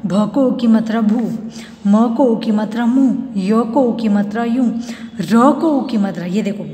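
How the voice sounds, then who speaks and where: Slow, echoey woman teacher. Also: a little high, warm tone. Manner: slow, repeating each word twice for pupils to echo. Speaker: school teacher. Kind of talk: recorded Hindi lesson for young pupils. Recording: echoey room with long reverb, faint hum.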